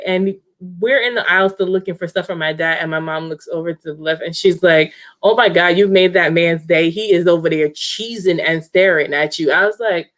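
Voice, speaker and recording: A woman's voice: on the low side, fairly bright tone. A young woman, chatting casually to her viewers as she tells a story, laughing often and acting out the people she quotes. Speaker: vlogger.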